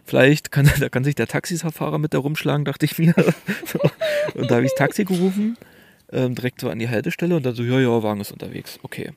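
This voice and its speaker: Gravelly, husky young man telling a story. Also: on the high side, fast talker. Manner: slangy, animated storyteller. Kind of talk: casual chat, storytelling.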